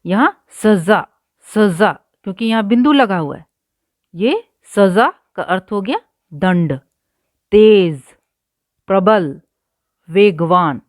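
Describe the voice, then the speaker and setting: A woman explains a grammar lesson at an unhurried pace, repeating words carefully for her pupils. Her voice sits in a middle pitch, and the recording is dry and close, with no room sound. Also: expressive, dry recording. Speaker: Hindi teacher. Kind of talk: line-by-line textbook lesson.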